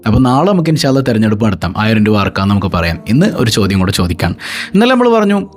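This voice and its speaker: A woman delivers an Islamic class talk with a lively, swooping voice. She keeps checking in with rhetorical questions. Faint music plays behind her. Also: a bass voice, fast. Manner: animated, often asks rhetorical check-in questions. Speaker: religious teacher.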